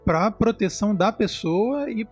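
A man's voice: sits high, animated, measured pace, a little mellow, husky, faint music behind. A man co-hosting a casual podcast discussion, talking in a conversational way. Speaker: podcast co-host.

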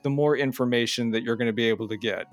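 A man's voice: mid-range voice, fast talker. Male game master, plain explanatory delivery, faint music bed. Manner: explains rules plainly, with fillers. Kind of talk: narrating a tabletop game.

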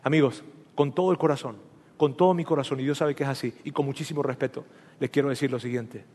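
A male pastor preaching an emphatic, animated sermon, addressing his congregation directly in a church. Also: mid-range voice, fast talker. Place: church sanctuary. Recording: long hall reverb.

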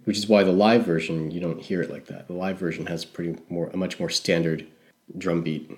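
He speaks briskly in a deep, steady, darkish voice. Co-hosting a laid-back music talk podcast, he wanders through his points, hedging and revising what he says along the way.

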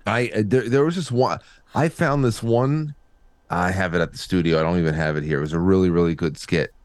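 A man hosting a casual chat, rambling with halting restarts. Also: low voice, no room sound. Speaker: host.

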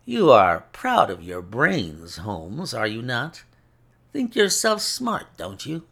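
With wildly swooping pitch and a slow, heavily acted delivery, a man voices a cruel gentleman villain from a classic detective story. His voice is rough and creaky, and he taunts with smug, mock-polite courtesy, savoring every jab.

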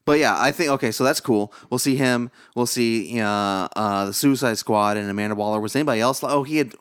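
A man's voice: medium pitch, a little fast, fairly bright tone, clear, resonant tone, dry recording, studio quality. Laid-back man riffing on a TV show. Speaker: podcast co-host. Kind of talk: casual TV episode recap chat.

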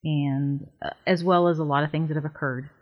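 Low-voiced woman on a worn, muffled tape. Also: brisk. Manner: calm, explanatory, with frequent "um" and "you know". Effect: dull, worn lo-fi tape copy. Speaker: psychic medium and Reiki teacher being interviewed. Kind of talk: conversational interview answers.

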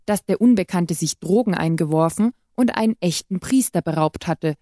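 A woman's voice: lowish voice, dark tone, dry recording. Woman reading a short story dry. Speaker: reader. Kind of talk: scripted narration of a short story.

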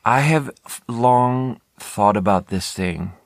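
Slow and creaky, this medium-pitched American man rambles through a solo podcast episode with no room sound at all. He's casual and candid, talking conversationally and frequently interrupting himself.

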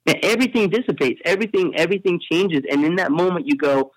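A man telling stories as a podcast guest, animated and quick to repeat himself mid-sentence. His voice sits a bit high. The sound is dry and close, with almost no room. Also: no echo, poor audio. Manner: animated storytelling with frequent repeated words. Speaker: interview guest, speaker. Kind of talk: casual podcast interview.

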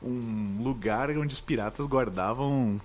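A man's voice: mid-range voice, slow, a little hiss or hum. A man with a Brazilian Portuguese accent co-hosting a podcast, retelling a game's plot with mock drama. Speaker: podcast co-host. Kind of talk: casual comedic podcast banter.

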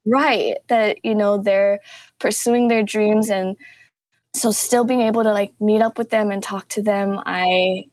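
As a guest on a podcast about teaching, a young woman chats casually and tells stories with lively, unhurried energy, often jumping up in pitch to act out what people said. The sound is dry and close, with no echo.

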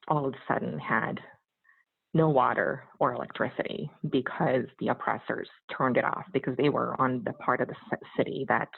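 A woman from Bosnia with a Bosnian accent, telling her personal story as an interview guest in an earnest, halting way with repeated words. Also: very deep voice, gravelly, breathy edge, no echo. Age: 30s or 40s. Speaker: podcast guest. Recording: muffled narrow phone-like line.

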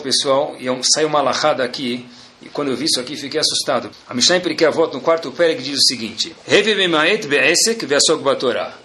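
Here the same kind of speaker, a man with a Brazilian Portuguese accent, teaches a Torah class as a rabbi in a fairly high, pushed, bright voice. His sermon mixes storytelling with emphatic, colloquial talk, rhetorical questions and repeated key phrases.

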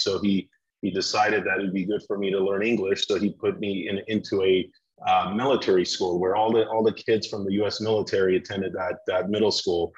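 A middle-aged orthopedic surgeon from Iran tells his story as a podcast guest, measured but often restarting. His voice is lowish, and the audio is dull.

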